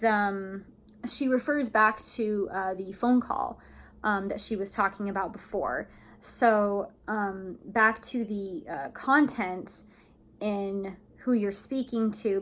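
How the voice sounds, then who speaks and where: A woman casually explaining acting, talking in a chatty way with many fillers. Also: mid-range voice. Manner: chatty, many fillers, acts out excited phone calls.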